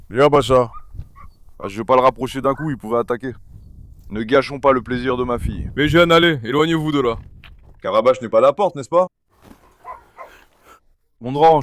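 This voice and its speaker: A man talking casually to camera while handling his dogs on a farm, coaxing and calling them. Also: mid-range voice. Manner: coaxing, calls dogs repeatedly. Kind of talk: casual vlog talk to camera. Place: outdoors on a farm with animals.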